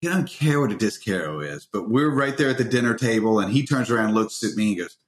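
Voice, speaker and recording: A man's voice: fairly low pitch, animated, fast talker, slight background noise. Wry joking man in a roomy echo. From American South. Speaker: podcast co-host. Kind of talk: casual chat.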